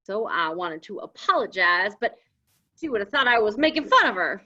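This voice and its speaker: A woman's voice: medium pitch, big pitch swings, moderate pace, sharp tone. A woman reading the part of an anxious young man who talks in a folksy cowboy drawl, in a live script reading. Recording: dull lo-fi audio.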